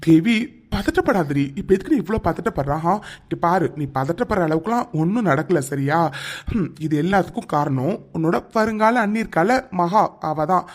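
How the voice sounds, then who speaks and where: A man's voice: high-pitched, animated, moderate pace. A man voicing a young male lover in a cartoon, who teases and scolds his fretful sweetheart. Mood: exasperated. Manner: teasing, scolding, exasperated. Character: teasing young male lover, exasperated but fond. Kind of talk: cartoon dialogue.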